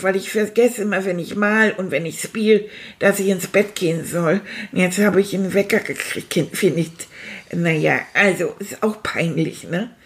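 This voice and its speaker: A woman's voice: medium pitch, lightly acted. A woman voicing a sulky, childlike male character who chats theatrically and makes sound effects in a comic monologue.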